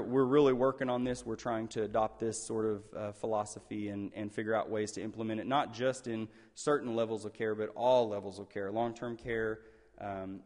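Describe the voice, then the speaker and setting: A man with a fairly low voice addresses a public gathering as its presenter. He talks off the cuff, hesitating and doubling back on his phrases. Long hall reverb surrounds his words. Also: darkish tone. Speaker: presenter on elder care taking questions. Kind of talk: public talk, unscripted with some read-aloud passages.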